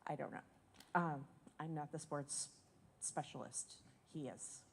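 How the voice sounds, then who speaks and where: Low-voiced woman, halting personal testimony. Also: fairly even intonation, slight background noise. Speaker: parent giving public comment. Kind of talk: informal personal testimony at a school board meeting.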